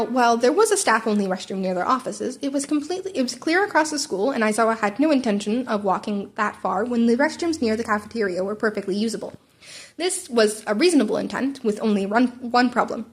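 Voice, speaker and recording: A woman with a voice on the high side reads a story aloud, expressive and fairly quick. She's an amateur fan fiction narrator who stumbles and rereads words now and then, recorded at home with background noise.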